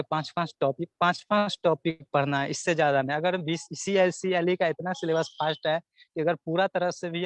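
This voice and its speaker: Here a young man with a slightly high voice, recorded with no room sound, answers casual interview questions as a student guest. His advice is earnest, and he tends to repeat himself as he lists off topics.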